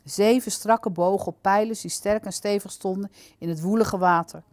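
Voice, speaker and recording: A woman reading aloud from a children's book in a calm, clear, steady manner. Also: mid-range voice, moderate pace, no room sound. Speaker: storyteller.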